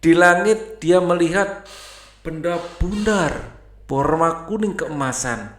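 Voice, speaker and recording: A man's voice: a little high, slow. Chatty man teaching, echoey room. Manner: casual, chatty explaining, mixes in English words. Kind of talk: explaining a school textbook lesson.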